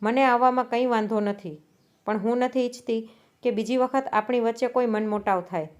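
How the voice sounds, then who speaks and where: A woman voicing a stubborn, proud young wife in a storybook reading, with a sharp, defiant delivery. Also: on the high side, fairly even intonation, normal speed, close to an everyday voice. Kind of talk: storybook narration.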